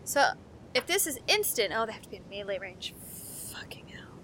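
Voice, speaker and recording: Bright, lively young woman gaming. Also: medium pitch, fairly quick, slight background noise. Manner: sarcastic, reads game text aloud, swears. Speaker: gameplay streamer. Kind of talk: let's play commentary.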